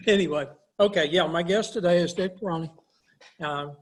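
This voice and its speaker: A man on a video call casually introducing a guest to a club meeting, joking and laughing between phrases. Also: high voice.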